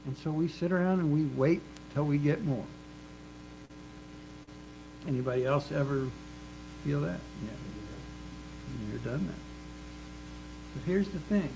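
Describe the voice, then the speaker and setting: A man's voice: a little high, poor audio. A man preaching a sermon in an earnest, emphatic way, repeating phrases for rhythm. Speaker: minister. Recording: faint mains hum.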